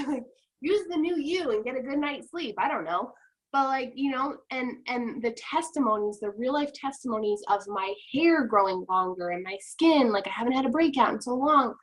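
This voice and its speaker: A woman's voice: high-pitched, poor audio. A young adult woman giving casual, upbeat sales advice on a video call, full of "like" and "you know.". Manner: chatty, peppers speech with "like" and "you know". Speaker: guest, top-ranked direct sales distributor. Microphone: video call microphone.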